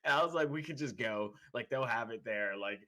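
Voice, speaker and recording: A man's voice: medium pitch, a little fast, bright, forceful tone. A young man co-hosting a podcast, telling laid-back stories full of slang and acted-out quotes. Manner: laid-back storytelling with slang and mimicked voices. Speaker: podcast co-host. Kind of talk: casual chat.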